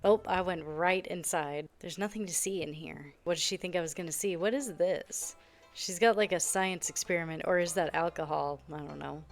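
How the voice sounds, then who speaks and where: A woman's voice: fairly low pitch, normal speed, faint music behind. A young woman giving casual, sarcastic commentary while she plays a game, often sounding exasperated. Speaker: gaming video creator.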